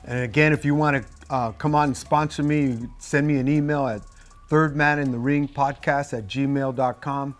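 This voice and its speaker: A man's voice: mid-range voice, steady tone, moderate pace, soft background music. A man hosting a podcast, chatting casually with an informal, chummy manner. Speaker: podcast host. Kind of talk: casual interview chat.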